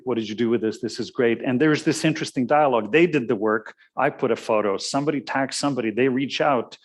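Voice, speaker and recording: Serbian guy lecturing, average pitch, rambly and musing, fixes his words a lot. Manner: discursive and musing, with self-corrections. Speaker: guest speaker, photographer. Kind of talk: lecture talk with slides. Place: lecture room.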